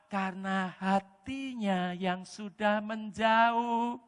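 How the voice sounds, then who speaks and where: A male pastor with a Javanese-inflected Indonesian accent preaching a sermon in church, animated and often bursting into shouts. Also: sits high, very slow. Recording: echoey church hall reverb.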